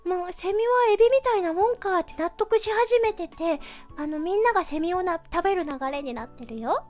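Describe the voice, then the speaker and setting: Very high-pitched cutesy young woman streamer. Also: fairly quick. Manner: cutesy, refers to self in third person; animated, giggly. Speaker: livestream host chatting with viewers. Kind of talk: casual livestream chat, reading out comments.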